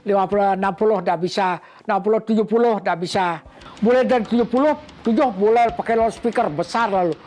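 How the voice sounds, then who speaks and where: Older man, animated storyteller, faint music underneath. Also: high voice. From Bali, Indonesia. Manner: animated, acts out counts and voices of others. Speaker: interviewee. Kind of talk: personal storytelling.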